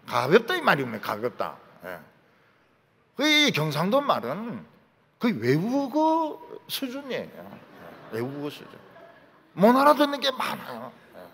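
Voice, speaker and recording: Man, Gyeongsang accent, sermon, animated storytelling, slightly high voice, gravelly rasp, long hall reverb. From Busan, South Korea. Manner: animated storytelling, acts out dialect lines. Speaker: pastor. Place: large church sanctuary.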